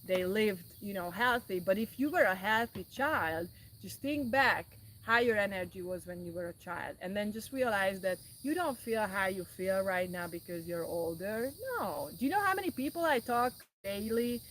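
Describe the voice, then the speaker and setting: A woman's voice: mid-range voice, lively intonation, moderate pace, few pauses, a bit bright, slight background noise, low-quality recording. A woman hosting a casual wellness talk show, speaking earnestly and often repeating herself. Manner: earnest, repetitive, restarts often. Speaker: wellness podcast host.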